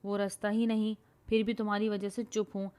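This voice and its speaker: A woman voicing a bossy, boastful, hot-tempered young university woman who scolds loudly, in a storybook reading. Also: mid-range voice, little pitch movement, lightly acted. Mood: angry. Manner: scolding, loud and quarrelsome.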